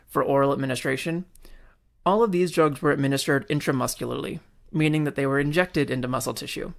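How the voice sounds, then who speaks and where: A man's voice: fairly high pitch, vocal fry. Man hosting a science podcast. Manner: measured, explanatory. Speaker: podcast host. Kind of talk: scripted science podcast narration.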